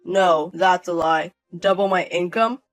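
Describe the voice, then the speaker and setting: A man's voice: high voice, unhurried, no room sound, soft background music, poor audio. A man voicing a self-centered husband in a drama, sounding flustered and pleading.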